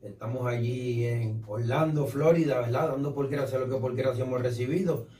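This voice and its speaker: Mellow-voiced evangelist, churchly phrasing. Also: male voice, mid-range voice, moderate pace. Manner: tag questions, churchly phrasing. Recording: roomy sound, distant mic.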